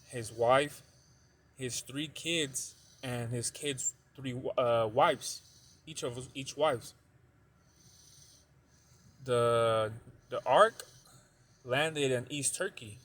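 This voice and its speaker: This man's mid-range voice sounds a bit bright as he delivers a relaxed religious talk to viewers of his video. His delivery wanders, leaning heavily on "you know" and a tag "though," and he restates points to stress them.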